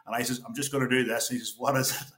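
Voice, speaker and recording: A man's voice: medium pitch, flat delivery, racing, a bit bright. Man telling stories, echoey. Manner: laughing anecdotal storyteller, repeats himself. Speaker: former player. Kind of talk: storytelling chat. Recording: roomy echo.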